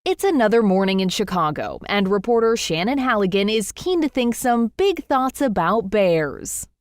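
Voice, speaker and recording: A woman's voice: medium pitch, sing-song, moderate pace, a little hiss or hum. A woman reading scripted narration.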